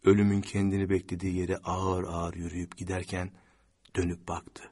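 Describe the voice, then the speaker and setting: A man narrating an audiobook in a slow, measured, somber way. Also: low-pitched, little pitch movement, a little mellow.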